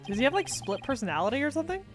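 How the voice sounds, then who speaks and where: Animated woman reacting to a game. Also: sits high, rapid-fire. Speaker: let's player. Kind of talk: casual reactions and chat over video game. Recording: faint game music behind voice.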